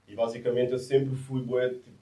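A musician and producer in his twenties from Massamá, greater Lisbon, chats casually in laid-back street slang during an interview, speaking Lisbon Portuguese. His voice is deep and mellow, with a level tone and moderate pace. The recording is roomy and echoey, picked up from a distance.

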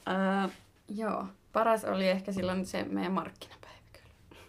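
A woman's voice: medium pitch, flat delivery, gravelly, crowd noise. A young woman co-hosting a podcast, chatting casually and telling stories with laughter and slangy swearing. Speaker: podcast co-host. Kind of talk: casual chat.

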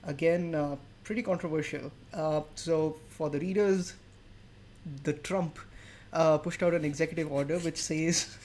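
A man's voice: fairly high pitch, fairly even intonation, a little slow, darkish tone, a little hiss or hum. A man co-hosting a casual tech podcast, moving topics along and chuckling as he jokes. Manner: moves topics along, joking, chuckles mid-sentence. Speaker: podcast co-host.

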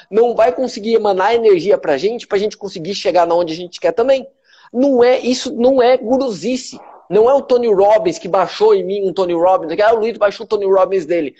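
A man with a Brazilian Portuguese accent hosts a motivational live stream for his followers, emphatic, repetitive, and swearing freely. His voice sits high and sounds warm, though the recording is muffled.

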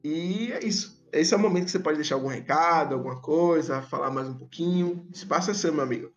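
Lispy man hosting a podcast, higher-pitched voice. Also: quick pace. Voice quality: tongue-tied lisp with slushy s. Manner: stumbles over and repeats words, self-deprecating. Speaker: podcast host. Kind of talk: casual podcast chat. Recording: dull lo-fi audio, background music.

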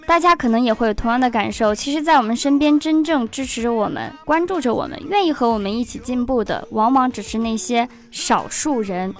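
A woman with a fairly high voice leads a scripted lesson on song lyrics. She reads each line slowly and carefully, then explains what it means. Faint music runs under her voice. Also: animated. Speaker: English teacher presenting a song lesson.

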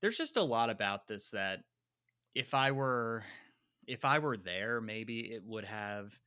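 A man's voice: fairly low pitch, animated, slow, pushed and bright, clean tone, no room sound, studio quality. A man with a slight New Jersey accent, co-hosting a podcast and talking through his view of a film, hedging and repeating words as he thinks. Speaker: podcast co-host. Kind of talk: casual film discussion.

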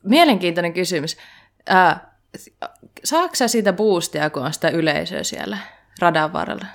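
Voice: medium pitch, lively intonation, creaky, fairly bright tone. Chatty, laughing podcast host. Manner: rambling, chatty, self-mocking, laughs often. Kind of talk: casual chat.

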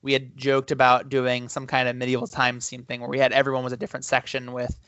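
A man co-hosts a casual podcast and reads out fan questions with easy chatter. His voice sits at an ordinary middle pitch. The audio is dry and a little dull. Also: completely flat delivery, fast, a bit bright, smooth, no room sound. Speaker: podcast co-host.

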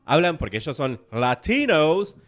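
A man's voice: on the high side, big pitch swings, unhurried. A man co-hosting a casual film-review podcast, easygoing and conversational. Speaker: podcast co-host.

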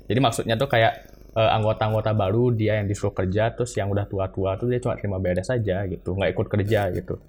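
Young guy interviewer, lowish voice, calm, faint background noise. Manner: calm, with many brief acknowledgments. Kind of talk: casual interview questions.

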